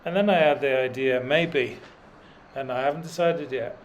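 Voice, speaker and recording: The speaker is a middle-aged cycling vlogger who rambles as he rides up a mountain road, dry and self-mocking, with lots of fillers. His voice sits in the mid range at a moderate pace, and the recording is muffled with slight background noise.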